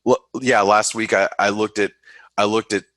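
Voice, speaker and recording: A man talks through the markets on a trading webinar in a very low, forceful voice. He halts, restarts and fills gaps as he thinks aloud. The sound is close and dry, with no room around it. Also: little pitch movement, no room sound. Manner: halting, many restarts and fillers, thinks aloud. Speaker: forex market analyst. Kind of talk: casual webinar market commentary.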